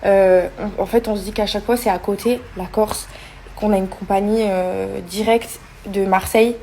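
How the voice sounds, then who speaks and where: A woman's voice: mid-range voice, steady tone, moderate pace, dark tone, slight background noise. A young woman vlogging casually, talking with many hesitations and fillers. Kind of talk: casual vlog chat.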